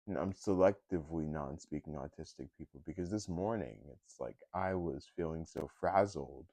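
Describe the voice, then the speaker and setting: A man's voice: rumbling low, normal speed, mellow, dry recording. A young man talking in a casual personal vlog, hesitant, with many fillers and restarts. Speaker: vlogger.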